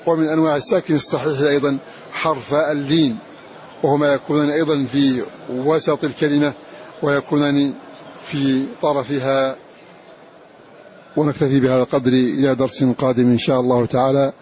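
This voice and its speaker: A man's voice: medium pitch, flat delivery, darkish tone. Man teaching recitation rules, muffled recording. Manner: repeats example words slowly and deliberately, drawing them out. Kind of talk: recorded lesson explaining a recitation poem. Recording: dull lo-fi recording with faint hiss.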